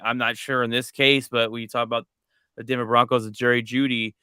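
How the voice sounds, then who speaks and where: Bright, crisp-voiced male podcast host. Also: medium pitch, level tone, fairly quick, dry recording, studio quality. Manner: conversational, often restarts phrases. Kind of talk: casual sports chat.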